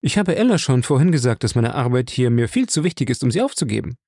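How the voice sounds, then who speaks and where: A man's voice: mid-range voice, sing-song, fast talker, vocal fry, darkish tone, no echo. Ray, a defensive young man, voiced by a man. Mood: assertive.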